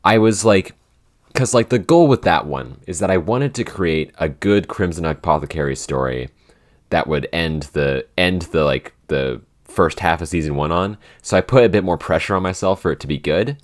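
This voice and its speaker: A young man who hosts and writes a podcast chats casually at a normal speed, his low voice animated. He rambles, dropping in many fillers and restarting his thoughts.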